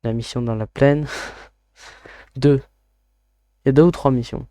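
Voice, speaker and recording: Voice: medium pitch, fairly even intonation, unhurried, mellow, dry recording. A video game streamer chatting casually to viewers while setting up a game, muttering to themself and swearing now and then. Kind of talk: casual live-stream commentary.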